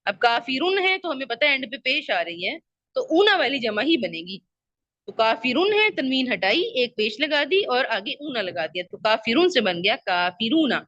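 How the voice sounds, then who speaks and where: A woman's voice: a little high, very animated, a bit bright, dry recording, lo-fi sound. A woman teaching an Arabic grammar lesson. She patiently repeats her questions and checks that her students understand.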